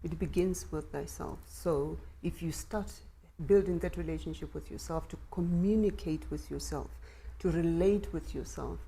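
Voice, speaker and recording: Calm, low-voiced female guest. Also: creaky, low-quality recording. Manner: measured, reflective, lists examples, affirms with "absolutely". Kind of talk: conversational spiritual talk show. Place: studio.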